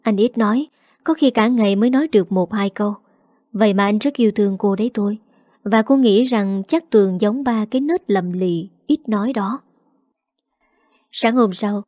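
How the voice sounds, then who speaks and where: Female storyteller, calm steady read, mellow tone, dry recording. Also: medium pitch, dry recording. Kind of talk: audio story narration.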